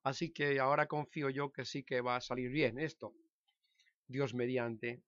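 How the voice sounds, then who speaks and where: A man in his sixties from Spain with a Spanish accent, telling his own story to camera in a halting way, often restarting and correcting himself. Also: mid-range voice, level tone, a bit bright, no room sound, highs cut off. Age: 60s. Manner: hesitant, halting, with frequent restarts and self-corrections. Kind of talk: casual personal monologue to camera.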